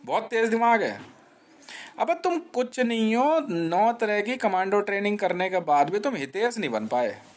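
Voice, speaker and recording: A man's voice: high voice, very animated, normal speed, hardly any pauses. A man streaming live, rambling in a confrontational monologue, taunting listeners with slang and repeating himself. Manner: restless, repeats himself and restarts.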